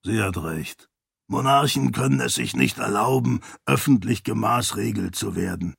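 A man voicing a grave older man with a raspy, serious voice in an audiobook. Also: fairly low pitch, animated, moderate pace, no room sound, clean studio sound, heavily acted.

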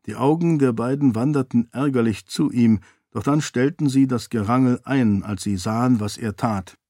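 A man's voice: medium pitch, normal speed, warm tone, no room sound, clean studio sound. Man reading a fantasy audiobook. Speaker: audiobook narrator. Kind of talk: scripted narration.

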